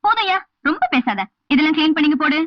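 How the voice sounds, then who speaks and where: A woman's voice: high voice, expressive, fast talker, no room sound. An actress playing a haughty village woman who orders a farmhand around indignantly. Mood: bossy. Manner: commanding, indignant. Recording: dull film soundtrack, loud music.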